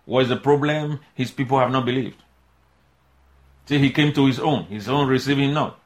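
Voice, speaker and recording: A man preaching a sermon, asking rhetorical questions and answering them himself, and reading scripture slowly. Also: medium pitch.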